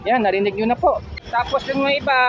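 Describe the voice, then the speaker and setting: In this casual walk-through vlog, a man with a Filipino accent moves among outdoor stalls, quizzing vendors on prices and addressing his audience as friends. He talks fast in an extremely high pitch, with the highs cut off and a noisy background.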